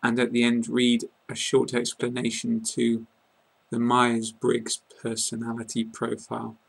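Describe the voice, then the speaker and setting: A man with a British English accent giving a slow, careful pronunciation lesson, saying each word deliberately. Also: mid-range voice, monotone, gravelly, slightly rough, rough recording. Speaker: English teacher.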